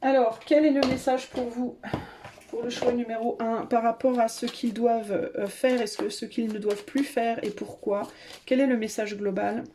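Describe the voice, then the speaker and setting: A woman's voice: fairly high pitch, steady tone, normal speed, mellow, slight background noise. A woman giving a casual tarot reading to her viewers, chatty and hesitant, with many fillers and restarts. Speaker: tarot reader.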